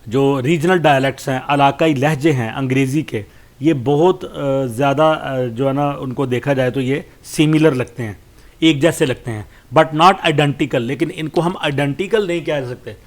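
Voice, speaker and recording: A man with a Pakistani accent giving a study lesson. He reads English lines slowly and explains them, pausing often with fillers. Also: mid-range voice. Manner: slow, deliberate reading with hesitant fillers. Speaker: lecturer.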